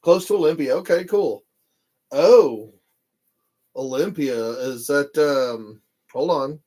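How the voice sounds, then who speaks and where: Man, 50s, livestream host, chatty, slightly high-pitched. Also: animated, slow pace, dark tone. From Texas. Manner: chatty, reads viewer comments aloud. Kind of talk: casual livestream chat.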